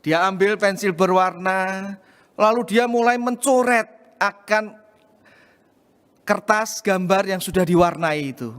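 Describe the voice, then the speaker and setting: High-voiced man preaching in a church hall. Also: measured pace, pauses often. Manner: storytelling, addresses congregation as saudara, animated acting out of quoted lines. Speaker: pastor. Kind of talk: sermon.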